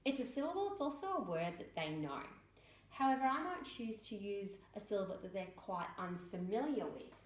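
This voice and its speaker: A woman teacher explaining a spelling rule, sounding words out letter by letter in a slow, deliberate way. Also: medium pitch, expressive. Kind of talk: instructional explanation. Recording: echoey room.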